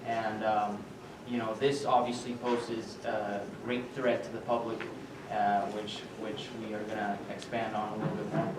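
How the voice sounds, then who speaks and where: A man's voice: on the low side, flat delivery, moderate pace, few pauses. A young man giving a student team presentation, hesitant, with many filler sounds and restarts, recorded far off in an echoey, noisy room.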